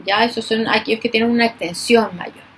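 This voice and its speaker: A woman teacher giving a recorded class, speaking slowly and emphatically and stressing each example word. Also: a little high, steady tone, a little hiss or hum.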